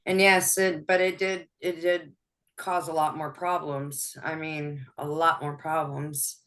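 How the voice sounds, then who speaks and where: Low-voiced woman guest on an interview, talks openly, laughs a lot, lots of restarts. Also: flat delivery, measured pace. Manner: open, laughs often, soft-spoken with frequent restarts. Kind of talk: personal interview.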